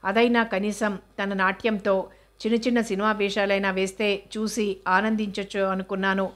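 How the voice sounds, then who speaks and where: A proud, touchy mother who dreams of films for her daughter, as a woman reads her part. She snaps back sharply when crossed, in a flat, even voice that barely rises or falls. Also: medium pitch, moderate pace, natural voice. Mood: indignant. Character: older mother, film-crazy, touchy and proud.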